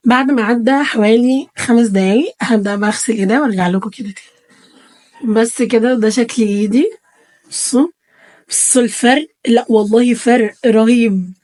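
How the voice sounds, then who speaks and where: A woman's voice: on the high side, a little mellow. A woman with an Egyptian Arabic accent giving a chatty home beauty tutorial to her phone camera, talking to her viewers as girls. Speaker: beauty vlogger. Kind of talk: casual tutorial talk to camera. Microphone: phone camera held close.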